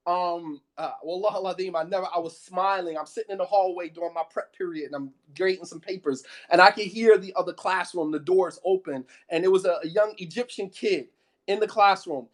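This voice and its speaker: His voice sits high and his pace is fairly quick as the American Islamic studies teacher talks with passion and emphasis. Points come around again and again, and he often asks "you know what I mean" to make sure you're with him.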